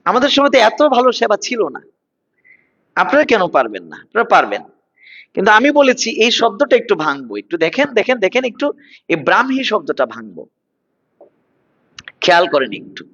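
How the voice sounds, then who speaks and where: A man's voice: high-pitched, huge pitch swings, fairly quick, long pauses, fairly bright tone. A man in his thirties teaching an online class, repeating words and coaxing his students along. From Bangladesh. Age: 30s. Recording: dull lo-fi online class audio.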